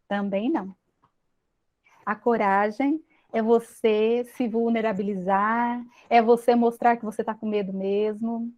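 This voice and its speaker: With a high, slightly mellow voice and a Brazilian Portuguese accent, a Brazilian woman gives an audience a confessional, personal teaching talk in the self-help vein. She's earnest, with restarts and tender pauses.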